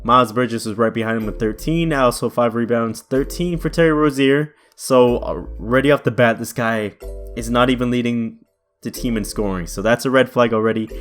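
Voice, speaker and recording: Casual young man commentating a game. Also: medium pitch. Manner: casual, chatty, thinks aloud. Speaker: gaming YouTuber. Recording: faint music behind.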